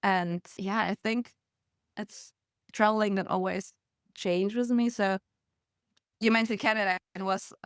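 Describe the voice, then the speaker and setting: Young woman, smooth clear voice, dry close sound, casual storytelling. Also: medium pitch, steady tone, unhurried, long pauses, no room sound. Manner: storytelling with laughs and acted quotes. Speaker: podcast guest. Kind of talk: casual conversational interview.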